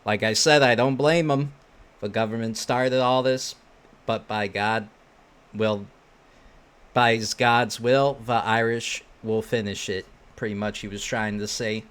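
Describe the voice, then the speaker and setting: Low-voiced man doing reaction commentary. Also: steady tone, a little slow, a bit bright, smooth. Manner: slangy, informal, opinionated. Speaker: online commentator and host. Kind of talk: casual reaction commentary, reading posts aloud.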